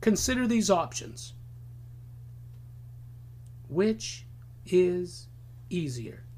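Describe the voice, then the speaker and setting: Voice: mid-range voice, very animated, drawn-out words, a little mellow. A preacher giving an emphatic Bible-teaching sermon who laughs often.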